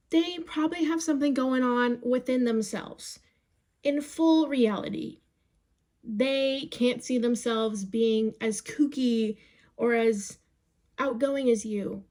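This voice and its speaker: This is a young adult woman, roughly twenty, with a high-pitched but darkish voice. She chats encouragingly into her phone camera, giving advice and calling everyone "babes" and "you guys."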